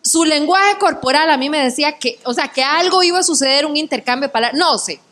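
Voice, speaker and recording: Animated Costa Rican woman telling stories. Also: sits high, fast. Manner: animated, laughing often. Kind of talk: casual storytelling.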